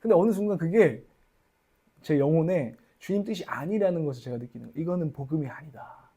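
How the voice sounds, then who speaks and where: A man's voice: fairly high pitch, brisk, warm tone, breathy edge. A young man preaching a sermon as a church pastor, candid and confessional, acting out his own inner voice.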